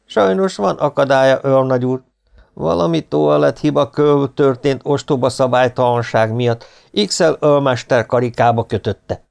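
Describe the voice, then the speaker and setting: A man's voice: mid-range voice, steady tone, vocal fry, darkish tone, clear, resonant tone, voice pushed up, natural voice. A man reading an audiobook, voicing a polite, earnest aristocratic legionnaire. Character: determined young aristocratic male legionnaire. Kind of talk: audiobook character voice.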